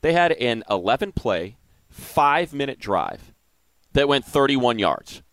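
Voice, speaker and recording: An older man co-hosting a casual football chat, excitable, repeating numbers for emphasis and restarting his sentences, with the hiccups. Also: mid-range voice, measured pace, no echo. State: has the hiccups. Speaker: sports podcast co-host. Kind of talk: casual sports analysis chat.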